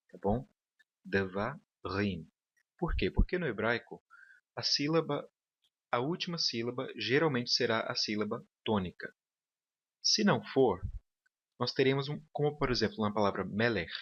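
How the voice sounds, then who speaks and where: A man's voice: lowish voice, a bit bright, breathy edge. A man teaching a recorded online lecture, explaining step by step and often checking in with his students. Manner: patient, checks in with "tá bom?". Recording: dull lo-fi audio.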